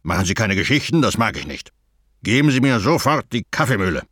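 A man voicing a gruff, bossy male robber with a bushy beard while reading a children's storybook aloud, barking orders in a loud put-on voice. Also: low-pitched, animated, normal speed, no room sound, studio quality, heavily acted.

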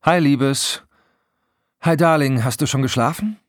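A man's voice: mid-range voice, measured pace, no echo, studio quality, pitched above the performer's own voice, close to an everyday voice. A man voicing a gushing female best friend who chatters breezily on the phone. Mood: effusive. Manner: effusive, breezy.

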